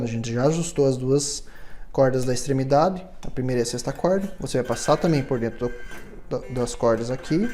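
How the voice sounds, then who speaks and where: Guy teaching guitar setup, kinda high but mellow voice, patient, keeps checking u follow. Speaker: guitar luthier instructor. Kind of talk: step-by-step instrument setup tutorial.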